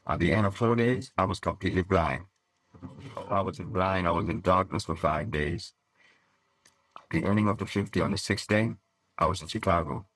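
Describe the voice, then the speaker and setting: A man's voice: low-pitched, normal speed, pauses often, fairly bright tone, breathy edge, dry recording. A man in an archive clip telling a rambling personal anecdote, repeating and correcting himself as he goes.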